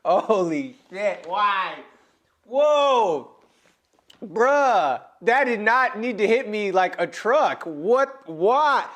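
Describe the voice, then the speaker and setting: A man with a fairly high voice that swings widely in pitch, talking through his reaction to a musical. He sounds animated and emotional, often exclaiming and rambling from one thought to the next. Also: slow, few pauses. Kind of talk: casual reaction commentary.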